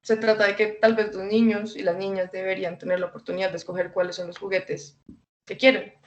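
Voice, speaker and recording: A woman's voice: mid-range voice, little pitch movement, a little fast. A woman, an invited speaker giving an informal educational talk, conversational, with many fillers and light laughs. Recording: dull lo-fi recording.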